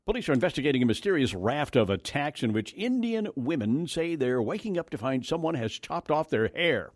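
Animated American man hosting morning radio news. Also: fairly high pitch, a little fast, no room sound, studio quality. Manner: wry, conversational asides. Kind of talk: radio news reading with casual banter.

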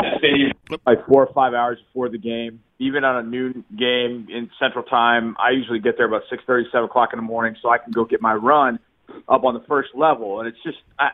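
A man on a call-in phone line, heard through a tinny Bluetooth connection that keeps cutting in and out. He talks at an average pitch in a relaxed, chatty way, laughing now and then while he tells his stories. The sound is narrow and lo-fi. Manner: chatty, easygoing storyteller who laughs often. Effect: phone call over a Bluetooth line that cuts in and out. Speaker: sports reporter calling in as guest. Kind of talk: casual sports radio chat by phone.

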